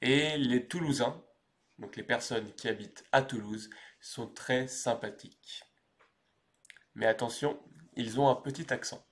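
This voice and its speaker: Young guy from paris teaching french, talks slow, repeats words so you get them. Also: medium pitch. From France. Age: 20s. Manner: slow, clear pronunciation drills with repetition. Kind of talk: scripted language lesson.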